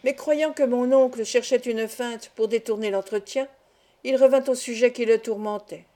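A woman reading a novel aloud as an audiobook, calm and measured. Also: a little high. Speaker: audiobook reader. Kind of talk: audiobook narration.

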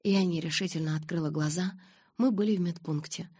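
A woman narrating an audiobook in the first person with a steady, expressive reading. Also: fairly low pitch, fairly quick, slightly rough, no room sound, clean studio sound.

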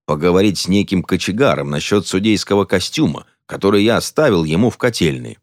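A man's voice: deep voice, expressive, a little fast, dry recording, studio quality. A man voicing a cranky, stubborn old church deacon who talks proudly and dismissively.

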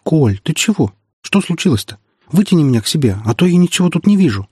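Man voicing a sharp-tongued redheaded teen girl, raised pitch, husky, taunting, audiobook. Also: very animated, quick pace, no room sound, clean studio sound. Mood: puzzled. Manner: taunting, scornful. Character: feisty red-haired teenage girl, mocking and sharp.

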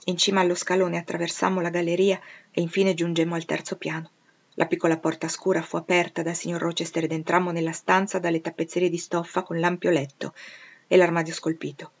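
A woman reading a novel aloud in a steady, expressive narrating voice. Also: lowish voice, fairly quick. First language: Italian. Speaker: audiobook reader. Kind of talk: literary reading. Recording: dull lo-fi recording.

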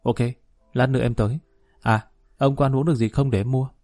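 A man's voice: medium pitch, fairly even intonation, brisk, warm tone, lightly acted. A male narrator voicing a hesitant young woman who runs a modeling school.

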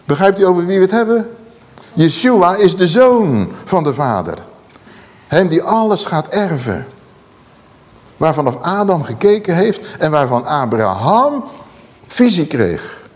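A man preaching with a lively, rising and falling voice that sits a little high for a man. He often turns to the congregation with questions. His voice rings out with a long reverb in a large hall. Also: measured pace, long pauses. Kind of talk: sermon.

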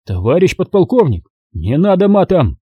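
A man's voice: high voice, big pitch swings, normal speed, breathy edge, no echo, dull audio, voice pushed up, heavily acted. A man voicing a timid, shy young male lieutenant who answers hesitantly in a raised, sheepish voice. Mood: earnest.

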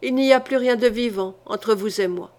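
Woman reading a ruthless medieval queen, cold, even, fairly high, storybook reading. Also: moderate pace, close to an everyday voice.

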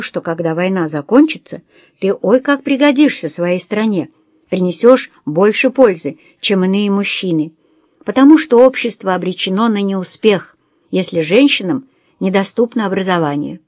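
An earnest, gentle father with a teacher's schooling, talking to his daughter, as a woman reads him. His words are plain and convinced, read in a dry, close voice. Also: medium pitch, no echo, close to an everyday voice.

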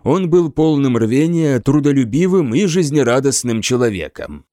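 A man narrates a first-person audiobook in a measured, dryly ironic storytelling style, his pitch moving lively through each phrase. The recording is close and dry, with no room sound.

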